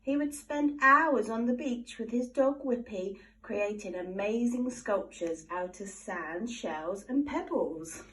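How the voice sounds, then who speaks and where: Reading a children's picture book, a storybook reader with a voice on the higher side brings the tale to life with animated expression. She speaks slowly with few pauses, sitting a little distance from the mic, and there is slight background noise.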